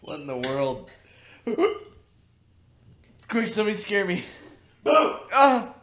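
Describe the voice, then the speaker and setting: A man's voice: sits high, expressive, slow, reverberant. A man co-hosting a podcast, joking around during a casual whiskey tasting. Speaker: podcast co-host.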